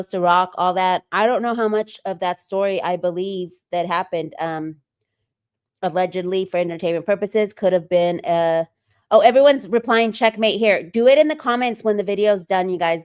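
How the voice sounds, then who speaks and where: A woman's voice: medium pitch, moderate pace, clear, resonant tone. A woman hosting a casual livestream, chatting loosely and reading viewer comments aloud with frequent ums. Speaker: livestream host.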